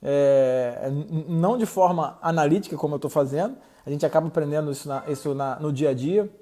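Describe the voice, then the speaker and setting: Mellow-voiced man, rambling talk. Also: a little high, brisk. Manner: rambling, self-correcting, slangy asides. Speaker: podcast host. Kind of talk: casual educational talk.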